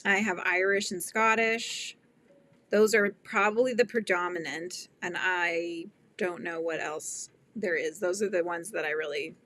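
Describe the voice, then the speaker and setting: In a mid-range, fairly bright voice, a middle-aged woman runs a relaxed crochet livestream. She chats, laughs, and reads out comments from viewers.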